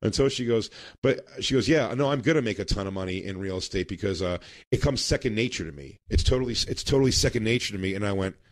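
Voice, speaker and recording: A man's voice: lowish voice, animated, fast talker, hardly any pauses, dry recording. Rambling man telling a story, dry sound. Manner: rambling storyteller, laughs mid-sentence. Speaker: podcast co-host. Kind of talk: casual chat.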